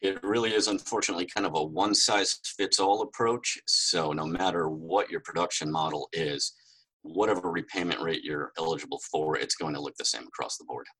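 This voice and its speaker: Deep husky-voiced man explaining policy. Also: brisk, fairly bright tone, poor audio. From New Hampshire, USA. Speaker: podcast guest, legal researcher. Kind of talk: explanatory podcast talk.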